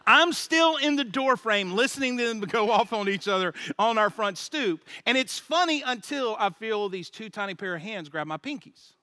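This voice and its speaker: Animated male guest preacher, comic storyteller, bright tone. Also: sits high, normal speed, hardly any pauses. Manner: animated, joking, laughs at his own story. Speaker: guest speaker at a church. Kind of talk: humorous storytelling sermon.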